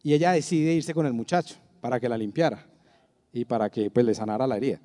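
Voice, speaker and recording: Preacher in a reverberant hall. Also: male voice, mid-range voice, quick pace. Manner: conversational, animated with rhetorical questions. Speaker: youth pastor. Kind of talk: sermon.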